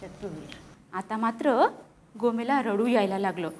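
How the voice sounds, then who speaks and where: A woman's voice: mid-range voice, a little slow. A woman teacher reading a picture book aloud to children in a classroom, often stopping to ask them questions. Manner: animated, keeps questioning the children. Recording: echoey classroom.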